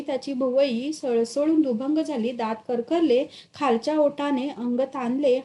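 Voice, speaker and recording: A woman reading a literary short story aloud, expressive and dramatic in her storytelling. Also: a little high. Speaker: story reader.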